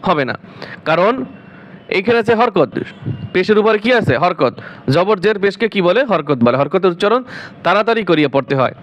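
A man with a high, expressive voice teaches Quran recitation at a normal pace, pausing often. He spells out letters and stretches each syllable, repeating words several times before explaining them in this slow, spelled-out lesson.

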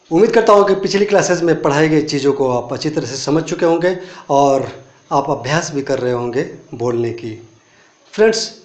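A man from India teaching a spoken English lesson, explaining step by step with many rhetorical questions and saying English example phrases slowly. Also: on the high side, darkish tone. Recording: echoey room.

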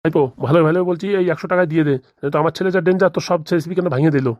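A cartoon father, voiced by a woman who haggles hard and scolds sharply. The voice sits lowish and the words come out rapid-fire. The sound is dry and close. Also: fairly even intonation, a little mellow, no echo, dull audio, natural voice. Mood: haggling. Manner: bargaining, scolding. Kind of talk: cartoon voice acting.

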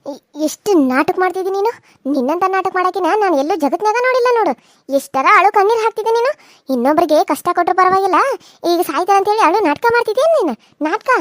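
A woman's voice: very high-pitched, lively intonation, fast talker, no echo, studio quality. A woman voicing a vengeful, menacing village wife in a cartoon serial, taunting. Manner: taunting, threatening.

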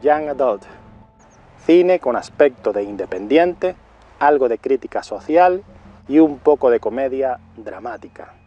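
A middle-aged man giving a film review as a monologue, speaking deliberately and repeating titles and years for emphasis. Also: medium pitch, lively intonation, warm tone, highs cut off, soft background music.

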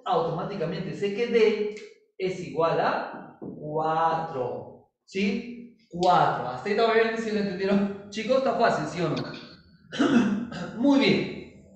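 A male chemistry teacher explains step by step in a playful, teasing way, checking in with his class again and again. His voice sits high and moves with lively swings. The sound is far from the mic in a strongly echoing room. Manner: playful, teasing, asks many check questions. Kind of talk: recorded classroom lesson. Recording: very echoey room, distant mic.

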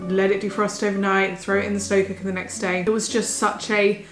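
A woman's voice: mid-range voice, flat delivery, a little fast. A young pregnant woman, a little out of breath, chatting enthusiastically in a casual food haul vlog at home. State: heavily pregnant, a bit out of breath. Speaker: vlogger. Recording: roomy home recording with faint music.

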